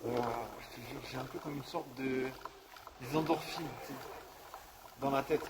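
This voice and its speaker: Heavy background noise surrounds this young vlogger's mid-range, fairly even voice, delivered at normal speed. Outdoors, he rambles in slang about his day, jokingly putting himself down as he's cold and getting sick.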